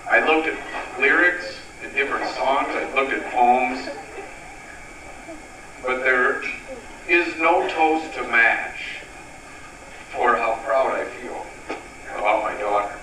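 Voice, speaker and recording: A man's voice: medium pitch, takes it slowly, pauses often. Middle-aged man giving an echoey wedding toast. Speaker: father of the bride giving a toast. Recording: echoey, noisy room, distant microphone.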